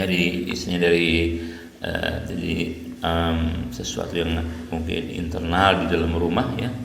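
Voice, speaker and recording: A man teaching English with an Indonesian accent, speaking patiently, repeating each example slowly and filling pauses with short confirmations. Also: deep voice. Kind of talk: slow explanatory lesson. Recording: echoey room with long reverb.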